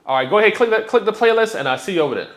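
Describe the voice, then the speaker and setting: Guy w/ doing a vlog explainer, kinda high voice, roomy echo, blunt and lively. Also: very fast, noisy background. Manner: animated, direct, lots of fillers. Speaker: YouTube host. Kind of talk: casual explainer talk. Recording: echoey room.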